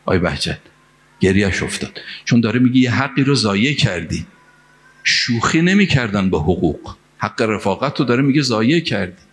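A man's voice: on the low side, big pitch swings, a bit bright. A man from Mashhad preaching a sermon, telling a story and reciting Arabic phrases and verse, rising to emphatic peaks. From Mashhad, Iran.

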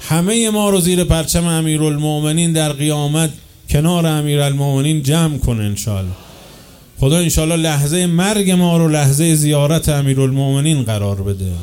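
A man preaching a sermon with passion, swinging from loud, slow declaiming to quick, quieter asides. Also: on the high side, clean tone. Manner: chants quoted chains of narrators slowly.

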